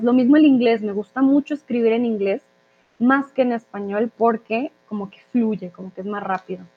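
A chatty woman from Colombia hosts a live language chat, reading viewer questions and answering them with plenty of "eh" fillers. Her voice sits a little high. The sound is thin and narrow, like a phone line.

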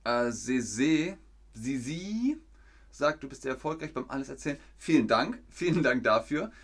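A man's voice: medium pitch, expressive, fairly bright tone. A man teaching German to a live chat. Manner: asks viewers questions and reads out chat comments; repeats and rephrases sentences slowly for learners. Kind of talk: live-streamed language lesson with chat.

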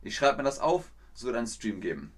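A man teaching a live-streamed language lesson. He explains slowly and clearly, and his voice sometimes jumps up high with excitement. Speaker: German teacher and livestreamer.

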